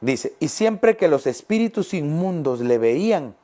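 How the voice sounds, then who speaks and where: A middle-aged male pastor preaching a sermon, emphatic, repeating phrases and slowing down on key words. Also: on the high side, sing-song, dark tone.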